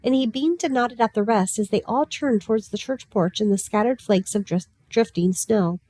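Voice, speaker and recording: A woman narrating a novel in a calm, even reading voice. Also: on the high side, normal speed, no echo. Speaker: audiobook narrator. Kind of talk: storybook narration.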